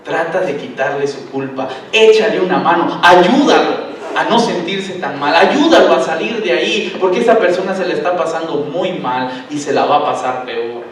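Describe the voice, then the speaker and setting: High-voiced pastor, echoey hall. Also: male voice, normal speed, slight background noise. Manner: animated, acts out voices in parables, asks congregation questions. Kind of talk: sermon. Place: large church hall. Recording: echoey church hall from far off.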